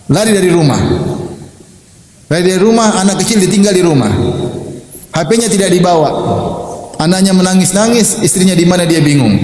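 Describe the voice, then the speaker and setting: Male preacher, lively sermon, acts out quoted voices, slightly high voice, echoey hall. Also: a little hiss or hum. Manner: animated, acts out quoted wives and husbands. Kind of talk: Islamic sermon. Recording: echoey hall with long reverb.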